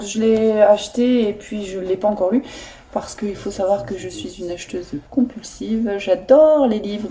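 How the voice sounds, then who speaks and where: A woman vlogger chatting casually about her latest books, hesitant with many pauses and fillers. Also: medium pitch, warm tone, slight background noise. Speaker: book vlogger. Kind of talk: casual chat showing books.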